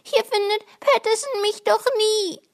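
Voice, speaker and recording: Woman doing a squeaky frightened kitten. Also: steady tone, a little slow, gravelly, full character voice. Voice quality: high, squeaky. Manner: whiny, sobbing pleas. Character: scared little male kitten, tearful and pleading. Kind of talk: storybook reading.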